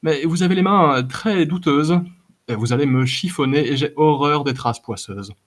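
A man reading as a dainty traveling minstrel, exquisitely polite and a little fussy. He speaks in flowery, courteous phrases with a slightly raised, husky voice. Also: a little high, normal speed, voice pushed up, lightly acted. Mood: prim. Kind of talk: audiobook character voice.

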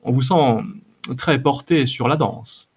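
A man's voice: mid-range voice, slow, husky. A man voicing a courteous, fussy wandering minstrel with a flowery, prim manner in a read-aloud story. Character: dainty, polite wandering male minstrel, fussy. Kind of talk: audiobook character voice.

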